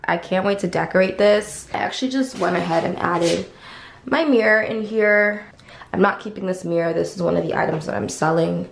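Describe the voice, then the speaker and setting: A woman's voice: fairly low pitch, vocal fry. A young woman vlogging casually at home, chatty and emphatic, dropping the odd swear as she talks. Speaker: lifestyle vlogger. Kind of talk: casual vlog chat. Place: indoors at home in a small room. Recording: echoey room, faint home ambience.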